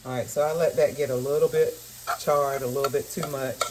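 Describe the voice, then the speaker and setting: A woman's voice: extremely low pitch, steady tone, a little fast, noisy background. A woman, chatting with viewers in a casual home cooking vlog and thinking aloud as she cooks. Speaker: home cook vlogger. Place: home kitchen. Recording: home kitchen audio with loud frying sizzle. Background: frying and sizzling in a pan.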